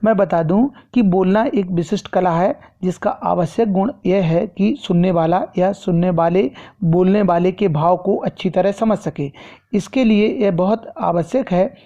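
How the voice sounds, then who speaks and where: Man teaching a measured grammar lesson. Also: high voice, dark tone, dull audio. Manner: measured, explanatory, repeats key phrases.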